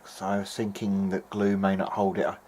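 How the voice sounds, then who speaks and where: This radio restoration hobbyist speaks briskly in a lowish voice, commenting informally on his hands-on repair. His delivery is hesitant and exploratory, and steady background noise is clearly audible.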